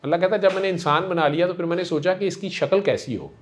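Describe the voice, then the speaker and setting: A man counseling a patient in a gentle, coaxing and affectionate way, repeating himself warmly. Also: high voice. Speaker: spiritual healer counseling a patient. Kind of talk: one-on-one counseling session.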